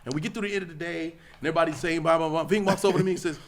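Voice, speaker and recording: A man with a Los Angeles accent, a podcast guest telling an animated story and acting out the quotes. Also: on the high side, very fast, creaky. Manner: lively, acts out quotes, loud and laughing at the peaks.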